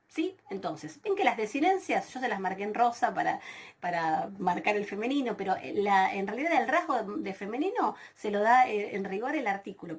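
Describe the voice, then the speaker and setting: A woman teaching a recorded Greek grammar lesson, explaining patiently with many fillers and restarts, slowing down to spell out word forms. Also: medium pitch.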